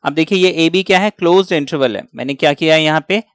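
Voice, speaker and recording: A man's voice: fairly high pitch, clear, resonant tone, no echo. A man teaching a maths lesson step by step, asking questions and then answering them himself. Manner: slow, step-by-step, asks and answers his own questions. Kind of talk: explaining a lesson, mixing Hindi and English.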